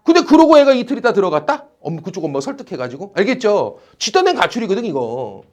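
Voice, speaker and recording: Male tutor, high voice, lively swinging delivery, teasing classroom lecture. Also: quick pace. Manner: animated, teasing, blunt slang with students. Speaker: academy teacher.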